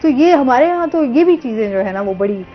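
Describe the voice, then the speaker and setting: A woman's voice: high-pitched, expressive, a little fast. A woman talk-show host with a Pakistani Urdu accent, chatting and agreeing often with her guest. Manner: chatty, frequent agreeing murmurs. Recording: slightly dull broadcast audio with faint music.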